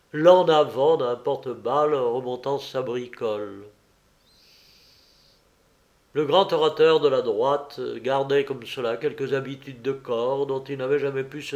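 A man narrating a novel as an audiobook, reading expressively and theatrically. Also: medium pitch.

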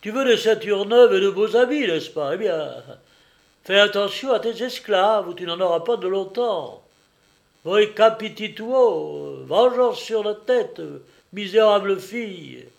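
A man reading aloud and voicing a coarse, brutal tavern keeper who shouts threats gruffly. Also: high-pitched, lively intonation, unhurried, pitched above the performer's own voice, heavily acted. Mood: furious.

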